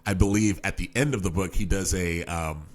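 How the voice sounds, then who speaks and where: Deep-voiced man rambling about a book. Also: moderate pace. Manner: rambling, lots of fillers and restarts. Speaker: podcast host. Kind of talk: casual book discussion.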